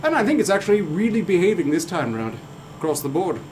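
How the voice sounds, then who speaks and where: A man's voice: high voice, sing-song, fast, a little mellow, slight background noise. A man chatting in character in fantasy improv, blunt, swaggering and crude.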